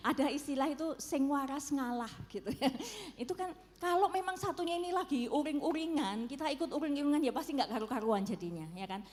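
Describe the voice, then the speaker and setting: A woman from Solo with a Javanese accent, a preacher answering questions in a relaxed, conversational way and often checking in with her listeners. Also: high voice, quick pace, hardly any pauses, long reverb tail. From Solo, Central Java. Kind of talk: church Q&A talk.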